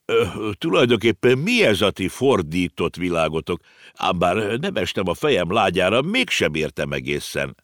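A man voicing a polite, dry-witted talking horse that grumbles slowly, in an audiobook reading. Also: low-pitched, big pitch swings, fairly bright tone, dry recording. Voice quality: slow, grumbling.

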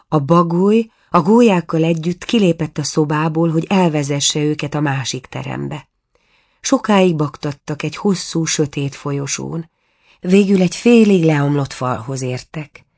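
A woman reading a fairy tale aloud in a measured, even manner. Her voice is low for a woman. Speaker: narrator. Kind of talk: storybook reading.

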